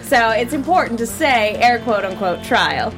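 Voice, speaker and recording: A woman's voice: on the high side, lively intonation, normal speed, music in the background. A young adult woman hosting a casual TV aftershow panel, upbeat and chatty. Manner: upbeat, chatty, laughs often. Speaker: host. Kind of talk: casual chat.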